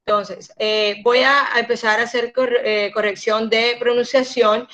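Patient woman, higher voice, teaching English over a dull-sounding call line. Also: fairly even intonation, fairly bright tone. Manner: patient, slows down to model pronunciation. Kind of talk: online class instruction.

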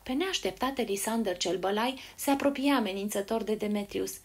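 A woman narrating a fairy tale in an expressive storybook reading. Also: mid-range voice, breathy edge.

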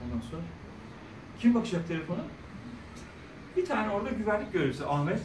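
A middle-aged man speaking as a guest at a school career day, telling stories in a lively way and acting out the people he quotes. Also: high voice, quick pace, slight background noise. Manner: animated, acts out quoted voices, jokes with the audience. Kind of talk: lively storytelling talk to students. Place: large echoey school hall. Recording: echoey hall, speaker far from mic.

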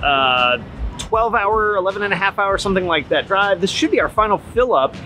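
A man's voice: high voice, expressive, normal speed, bright, forceful tone, a little hiss or hum. A man vlogging casually outdoors at a gas station and a car show, upbeat and chatty with jokey asides. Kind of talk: casual vlog chat.

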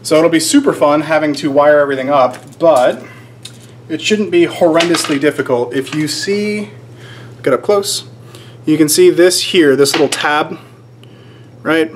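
An American man from Georgia, with a fairly high voice and a normal speed, explains a do-it-yourself job to camera in a casual vlog. He rambles a bit and throws in dry, self-deprecating jokes while working indoors in a shop workroom under renovation. The camera mic sits about arm's length away, with faint room noise behind him.

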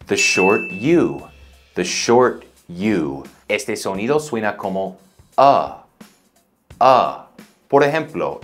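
Male pronunciation teacher, very low voice, slow and patient drills over soft background music. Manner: patient, drills words slowly for learners to repeat. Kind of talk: online language lesson.

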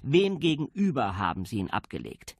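A man playing a gruff middle-aged police commander, dry and lecturing. Delivery is stern with a lively melody. Recorded dry and close. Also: mid-range voice, normal speed, no echo, full character voice. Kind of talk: audiobook character voice.

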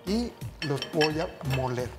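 A middle-aged man with a fairly high voice and lively intonation hosts a TV cooking demonstration, taking things slowly. He chats to viewers like family as he explains each step on a studio kitchen set, with background music playing.

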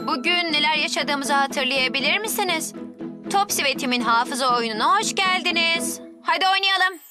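A woman voicing an eager little boy twin in a dubbed cartoon, excited and chirpy. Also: high voice, normal speed, music in the background. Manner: excited, chirpy child narration.

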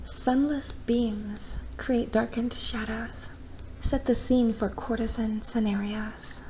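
A woman reads a poetic bedtime story in a breathy, half-whispered voice, intimate as if right in your ear, with deliberate pauses. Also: fairly high pitch, dark tone, slight background noise, rough recording. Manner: slow, deliberate phrasing with pauses.

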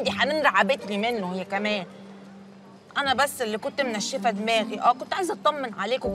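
A slightly high female voice, lightly acted, comes through over some background noise. She's an actress in a comedy series, Egyptian Arabic accent, playing a young teacher who talks a lot and teases, trading fast, playful lines in TV comedy drama dialogue.

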